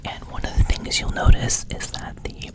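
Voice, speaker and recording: A man speaks entirely in a whisper, in the style of an ASMR ramble. He is close to the microphone and often repeats a word or phrase, lingering on it before moving on. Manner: whispers throughout, slowly repeating words and phrases. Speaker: ASMR video creator and host. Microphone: close microphone, brushed as he talks.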